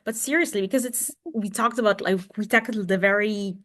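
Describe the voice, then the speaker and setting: Woman, mid-pitched voice, film reviewer guest, enthusiastic, emphatic casual chat. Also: brisk, fairly bright tone.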